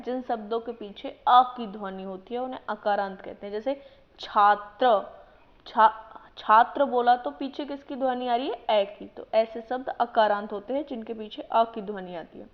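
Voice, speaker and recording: Slow, careful woman teaching a lesson. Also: on the high side. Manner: reads each word, then gives its meaning. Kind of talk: slow explanatory lesson, word by word. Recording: dull lo-fi voice-over.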